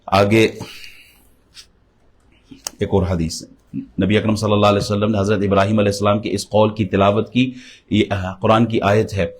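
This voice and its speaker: A middle-aged man preaching a sermon, impassioned, slowing and rising on key lines. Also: fairly low pitch, little pitch movement. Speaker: religious preacher.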